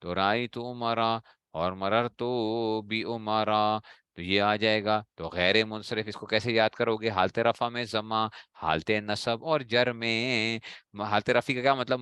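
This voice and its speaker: A man with a Pakistani Urdu accent leads a grammar class, asking a question and then giving the answer himself. He speaks slowly in a smooth, low voice. The sound is close and dry. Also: fairly bright tone, no room sound. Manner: drills students with repeated questions and answers. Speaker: teacher of Arabic grammar. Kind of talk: classroom lecture.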